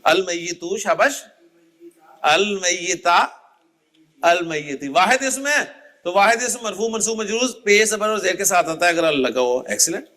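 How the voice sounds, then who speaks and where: A man's voice: high-pitched, moderate pace, bright, forceful tone. A man teaching an Arabic grammar class, explaining patiently and calling on students by name to recite word endings. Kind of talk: classroom lecture.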